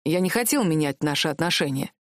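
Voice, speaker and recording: Brief: woman reader as a young prince, unruffled and teasing, set a bit lower, dry sound. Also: fast talker, dry recording. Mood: calm. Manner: calm, self-assured, mocking. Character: teasing, stubborn young male prince in love. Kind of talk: audiobook character voice.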